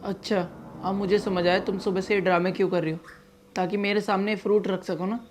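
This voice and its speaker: A man's voice: high voice, level tone, fairly quick, close to an everyday voice. A man playing an exasperated young husband. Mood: protesting. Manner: protesting, exasperated. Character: young office-going husband, easygoing. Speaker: husband in a family skit. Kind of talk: scripted family skit.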